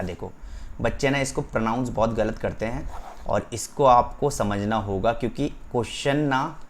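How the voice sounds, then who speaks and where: A man teaching a physics class, dictating slowly, repeating key terms and checking that students follow. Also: mid-range voice. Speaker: physics tutor. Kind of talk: online class lecture.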